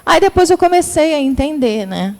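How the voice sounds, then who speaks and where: A woman's voice: high voice, very animated, normal speed, a little mellow. A woman in her thirties with a Rio de Janeiro accent gives a spiritist lecture and tells her story by acting out the dialogue. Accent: Rio de Janeiro Portuguese. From Brazil. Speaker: speaker at a spiritist center. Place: spiritist center lecture hall. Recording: long hall reverb.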